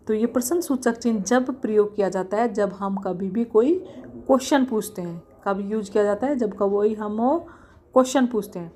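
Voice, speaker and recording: A young woman teaching a casual grammar lesson, often repeating examples slowly and asking herself questions as she explains. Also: medium pitch, a little mellow, slight background noise.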